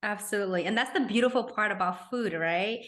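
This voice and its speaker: A woman's voice: medium pitch, fast talker, fairly bright tone. A woman from New York City hosting a podcast, upbeat and gushing, often affirming her guest. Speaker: podcast host. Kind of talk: casual interview conversation.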